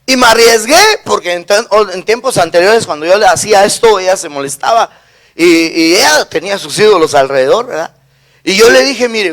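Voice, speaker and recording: A man's voice: high voice, fairly bright tone. A middle-aged man with a Guatemalan accent, a pastor preaching a sermon and telling a personal story, who keeps checking in with the congregation. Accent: Guatemalan Spanish.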